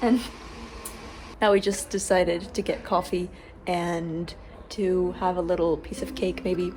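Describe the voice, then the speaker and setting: A woman's voice: fairly low pitch, flat delivery, a little slow, poor audio. Woman vlogger chatting casually outdoors. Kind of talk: casual outdoor vlog chat.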